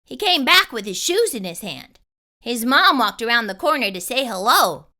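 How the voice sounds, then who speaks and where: A woman reading a children's story aloud with animated, deliberate, emphatic phrasing. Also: fairly high pitch. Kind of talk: expressive read-aloud narration for kids.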